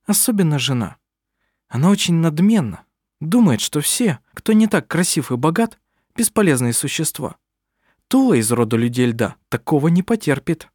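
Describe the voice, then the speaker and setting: A man reading aloud, voicing a proud, sharp-tongued middle-aged witch who is a mother, with dry, cutting remarks. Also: fairly high pitch, sing-song, moderate pace, dry recording, pitched above the performer's own voice. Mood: stern.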